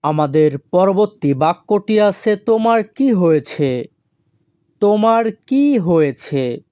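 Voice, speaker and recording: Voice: medium pitch, sing-song, mellow, dry recording, studio quality. A language teacher giving a scripted lesson, repeating each phrase and spelling it out word by word. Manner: says foreign phrases very slowly, word by word.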